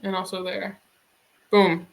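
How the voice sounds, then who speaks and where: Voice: mid-range voice, monotone, slow pace, creaky. A streamer in a casual drawing stream, musing aloud and swearing casually.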